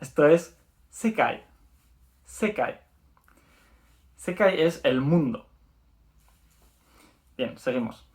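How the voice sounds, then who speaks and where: In a video lesson, a cheerful Spanish language teacher talks in an animated, slightly high voice. His style is explanatory: he says words slowly more than once and keeps asking "¿vale?".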